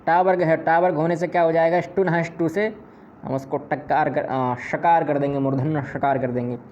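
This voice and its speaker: A man teaches grammar in a patient, step-by-step way, pausing often to ask himself questions and repeat examples. His voice sits a little high for a man. The audio is slightly dull and lo-fi, with a faint hiss underneath. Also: little pitch movement, a little mellow. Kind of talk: explanatory lesson.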